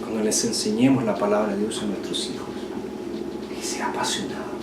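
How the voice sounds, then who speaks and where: A man with a Chilean Spanish accent preaching a sermon as pastor, swinging from loud passionate peaks to hushed, quiet lines. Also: fairly low pitch, big pitch swings, a little fast, creaky. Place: church hall. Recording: echoey church hall, distant mic, noisy.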